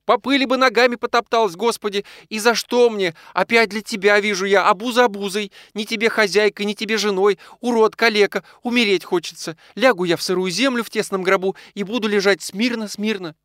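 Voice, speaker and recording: A man's voice: normal speed, few pauses, fairly bright tone, dry recording, clean studio sound. A man voicing a sickly young wife in an audiobook, plaintive and wistful. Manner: plaintive, wistful and high-pitched. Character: sickly young wife, lonely, tearful and pleading. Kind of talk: audiobook character voice.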